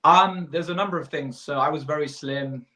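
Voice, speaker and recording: A man in his thirties who coaches fitness and owns a business, born in Iraq and taken abroad as a young child, answers interview questions informally, explaining as he goes and often rephrasing. His voice sits on the high side, bright and forceful, at a moderate pace. The room is echoey.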